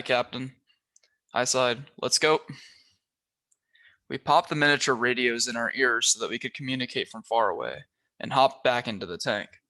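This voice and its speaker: A man volunteers to read a children's novel aloud, narrating with energy and slightly changing his voice for each character. He has a mid-range voice.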